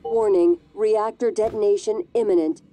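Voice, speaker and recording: A woman voicing a calm female station computer that gives even, automated warnings over loudspeakers. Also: medium pitch, normal speed, soft background music.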